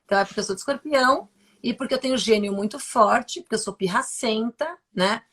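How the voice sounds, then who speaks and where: A woman's voice: fairly high pitch, a little fast, a bit bright, breathy edge. A Brazilian woman speaking candidly and emphatically about her own life as a guest on a live stream, with many fillers and repeated words. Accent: Brazilian Portuguese. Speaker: guest neuroscientist. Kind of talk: personal testimony in a live stream.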